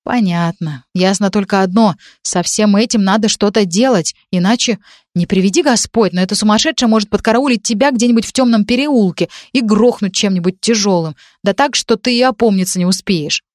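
A woman's voice: medium pitch, brisk, darkish tone, dry recording, studio quality, natural voice. A woman reading the lines of a nervous, fretting young woman friend in a storybook. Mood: anxious.

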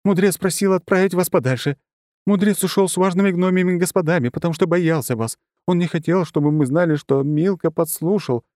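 A man's voice: sits high, fairly quick, a little mellow, dry recording, clean studio sound, voice pushed up, lightly acted. A man voicing a frightened older village mother in an audiobook, gabbling and pleading. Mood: frantic.

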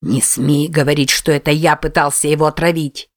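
A woman's voice: deep voice, steady tone, a little fast, close to an everyday voice. A woman reading an audiobook, voicing an agitated young man who insists on his innocence. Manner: agitated, defensive. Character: frantic young man shaking a friend.

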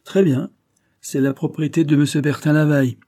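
A man's voice: on the high side, fairly even intonation, moderate pace, warm tone, voice pushed up. A man voicing a big, jovial country priest who talks heartily and breaks into laughter. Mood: laughing, hearty.

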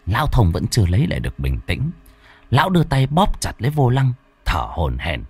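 A man's voice: mid-range voice, huge pitch swings, quick pace, husky, no room sound. Dramatic male horror narrator. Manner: dramatic storytelling.

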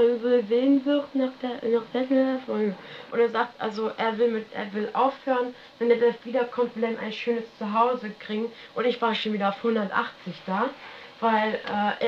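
Woman telling her story in loose slangy chat, keeps tacking on "ne?", dull old archive tape. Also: mid-range voice. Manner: rambling, colloquial, tags sentences with "ne?". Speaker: interviewee recounting her life. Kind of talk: casual spoken recollection. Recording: dull lo-fi archival radio tape with faint hiss.

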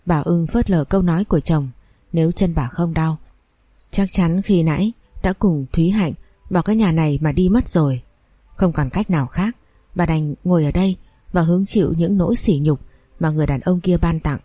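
A woman reading a scripted audiobook story in a steady, measured way. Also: on the low side, no room sound. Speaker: narrator.

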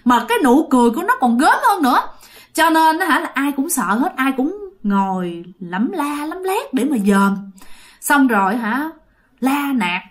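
A woman's voice: high voice, moderate pace. A woman telling a ghost story casually, chatting directly to her listeners. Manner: chatty, addresses listeners, animated.

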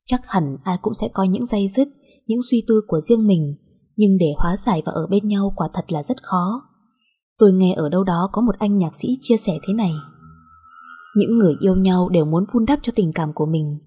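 Woman, first-person story narration, soft, emotional, mellow, breathy. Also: mid-range voice, moderate pace.

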